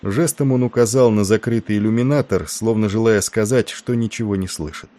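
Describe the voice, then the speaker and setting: Deep dark-voiced guy reading an audiobook, steady and measured. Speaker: audiobook narrator. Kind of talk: scripted narration.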